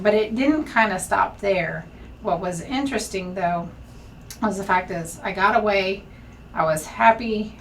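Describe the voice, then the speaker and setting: Fields: Sex: woman. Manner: candid, steady. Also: medium pitch, creaky, recorded from a distance, slight background noise, rough recording. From Texas. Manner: candid, steady, with frequent ums. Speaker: senior enlisted leader. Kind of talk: personal story in a sit-down conversation. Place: bright indoor studio set.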